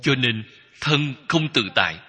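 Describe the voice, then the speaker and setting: A man giving a Buddhist dharma talk as a teacher, speaking in slow, measured short phrases that repeat. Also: mid-range voice, lively intonation, sharp tone, breathy edge. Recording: long hall reverb.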